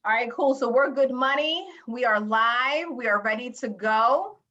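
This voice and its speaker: A woman's voice: on the high side, a little slow, sharp tone. A woman hosting a show over a video call, chatty and upbeat as she introduces her guest. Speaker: host. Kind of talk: casual interview. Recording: dull lo-fi call audio.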